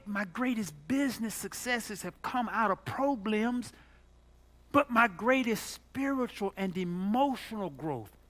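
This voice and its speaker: A male pastor delivers a sermon with a bright, forward voice. His pitch leaps all over the place, from low, murmured asides to high, loud outbursts. He preaches as a storyteller, with a lot of drama.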